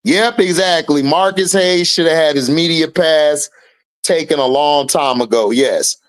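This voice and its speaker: With a slightly high voice and an unhurried delivery, a man in his thirties hosts an online stream of sports and commentary. He reacts to chat with casual, opinionated remarks, speaking bluntly and heatedly, swearing freely, and rising to a loud pitch when riled.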